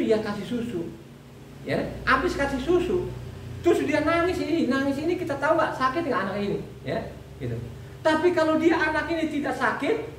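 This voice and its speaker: A woman's voice: high voice, slight background noise. Woman preaching in an echoey room. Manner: repetitive, addresses the congregation as "saudara". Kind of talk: sermon. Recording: echoey room, mic far off.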